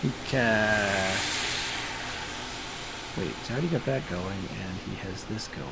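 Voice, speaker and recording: A man's voice: on the low side, takes it slowly, vocal fry. A man running a tabletop game as game master, narrating casually and thinking aloud about the rules. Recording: noisy room, steady background noise.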